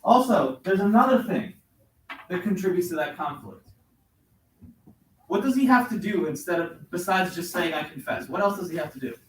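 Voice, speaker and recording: A man's voice: sits high, animated, normal speed, slight background noise. A male teacher leading a class discussion, questioning and coaxing students for answers. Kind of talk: classroom lesson. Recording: very echoey classroom from far off.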